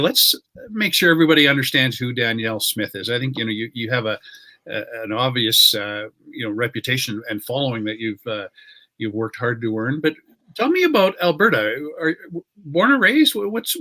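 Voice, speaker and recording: A man hosting an interview over a video call, asking questions in a halting way with many restarts. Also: medium pitch, sharp tone. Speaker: interview host.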